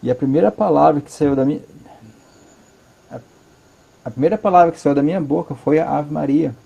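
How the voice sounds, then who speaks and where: A man with a Brazilian Portuguese accent tells his story in earnest from his living room. He pauses often and repeats words to stress them. His voice sits a bit high but sounds soft and mellow. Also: vocal fry, husky, dull audio. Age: adult, father of a five-year-old. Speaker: interview guest. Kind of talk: personal testimony in conversation.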